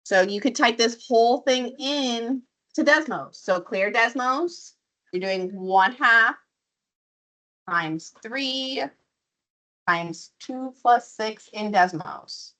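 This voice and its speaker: A woman's voice: on the high side, takes it slowly, sharp tone. A woman math teacher who is losing her voice from illness, walking a classroom through problems step by step and quizzing students as she goes. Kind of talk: classroom lesson.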